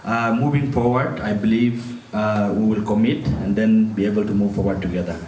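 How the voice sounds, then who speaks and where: Low-voiced man, hesitant. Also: steady tone, normal speed, mellow, slight background noise. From South Sudan. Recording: echoey hall, distant mic.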